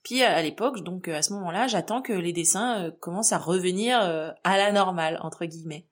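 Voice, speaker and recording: A young woman from France hosting a solo podcast, talking in a relaxed, conversational way with frequent fillers. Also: on the low side, a little fast. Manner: conversational, many fillers and restarts. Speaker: podcast host.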